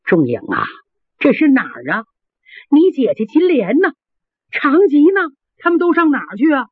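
A stern elderly mother , as a storyteller puts her on, speaking in a low, scolding voice. The sound is dry and tinny, like a phone line. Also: big pitch swings, moderate pace, no room sound. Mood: bewildered. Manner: scolding, lowered voice.

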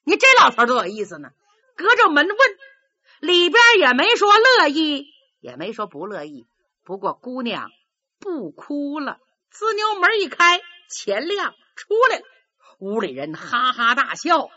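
Lively woman storyteller, bright and high. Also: a little slow. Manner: lively, dramatic narration. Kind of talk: traditional storytelling performance. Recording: dull lo-fi recording.

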